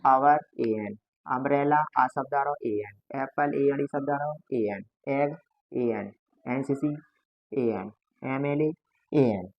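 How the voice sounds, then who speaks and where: A man's voice: medium pitch, slow pace, gravelly, dry recording, muffled recording. A man teaching a grammar class to students, patiently going over each point again and again. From India.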